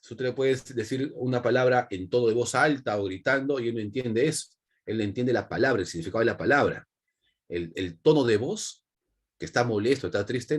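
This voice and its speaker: A man with a Peruvian accent teaching an online class, repeating key points and checking in with quick tags. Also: on the low side, breathy edge. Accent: Peruvian Spanish. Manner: repetitive, with frequent check-in tags.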